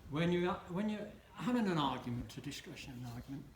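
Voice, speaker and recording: A man in his 70s with a voice on the high side talks fast and animatedly through a wedding speech, recorded in a roomy hall with faint noise. He mocks himself drily and throws teasing remarks at the couple.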